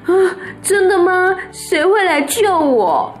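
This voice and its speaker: A woman's voice: normal speed, a bit bright. A woman voicing a frightened young male pig who wails and begs, over faint music. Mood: hopeful. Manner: shrill wailing pleas.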